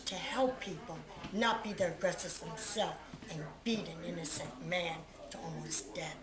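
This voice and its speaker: A middle-aged woman, the mother of a beaten man, being interviewed and talking indignantly, repeating herself as she describes photos. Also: on the low side. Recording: roomy with crowd noise.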